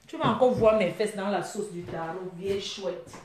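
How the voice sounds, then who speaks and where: A woman's voice: mid-range voice, normal speed, darkish tone, slight background noise. A young woman ranting at a rival in a mocking, scornful vlog, laughing often as she taunts. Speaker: vlogger. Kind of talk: taunting live rant. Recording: echoey room.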